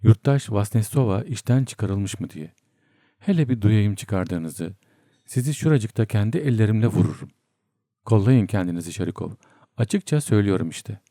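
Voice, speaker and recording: A fierce young doctor, played by a male storyteller, threatening and loud. His voice is dark and low, the sound close and dry. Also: expressive, normal speed, no room sound. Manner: threatening, shouting.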